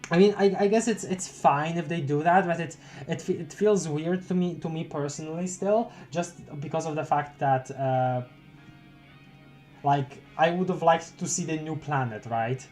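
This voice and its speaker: A man's voice: a little high, normal speed, a little mellow, faint music behind. A young man streaming a live read of a webcomic, rambling and stammering as he chats with his viewers. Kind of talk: live-reading a webcomic aloud.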